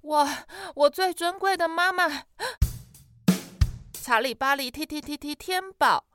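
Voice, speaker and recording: A woman's voice: high-pitched, a little slow, music in the background, voice pushed up. A woman doing a panting, frantic little boy. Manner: panting, shouting the long name over and over. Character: breathless little boy, frantic younger brother.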